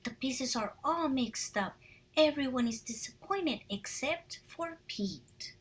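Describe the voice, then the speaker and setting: A woman reads a picture book aloud to young children, animated and encouraging, stopping to ask them questions. Her voice sits high and is husky and breathy.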